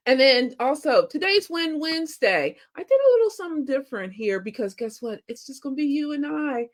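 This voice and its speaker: A woman's voice: high-pitched, sing-song, normal speed. A woman hosting a show, chatting casually and playfully with her viewers, her voice scratchy as she gets over a cold. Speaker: show host. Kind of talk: casual livestream chat to viewers.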